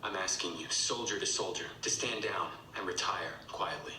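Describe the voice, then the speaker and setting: An actor playing an earnest young soldier in a TV drama, heard through TV speakers in an echoey room. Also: male voice, low-pitched, normal speed, bright, forceful tone, recorded from a distance. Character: young soldier pleading with an officer. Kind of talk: TV drama acting. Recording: TV audio heard from afar in an echoey room with noise.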